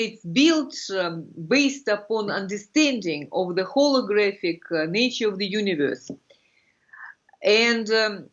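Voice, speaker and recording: A middle-aged woman from Russia with a Russian accent, explaining things as an interview guest in halting, fragmented phrases, searching for words. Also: medium pitch. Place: furnished room indoors. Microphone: video call computer microphone. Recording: muffled lo-fi video-call audio.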